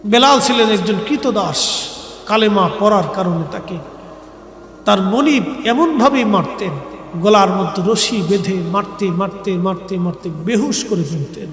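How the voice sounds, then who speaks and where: A man's voice: high voice, measured pace, a bit bright. A man preaching an impassioned Islamic sermon, emotional and pleading, repeating phrases for emphasis. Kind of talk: impassioned waz sermon to a gathering. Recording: echoey hall with long reverb.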